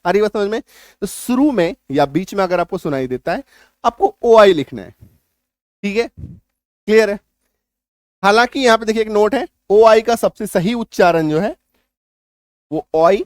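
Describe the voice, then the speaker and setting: A high-pitched man teaches a spelling lesson in a patient, repetitive way, asking again and again whether the point is clear. The recording is dry and close, with no room sound. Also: expressive, measured pace, pauses often, no room sound. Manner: repetitive, checks understanding often. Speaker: English teacher. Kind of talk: spoken classroom lesson.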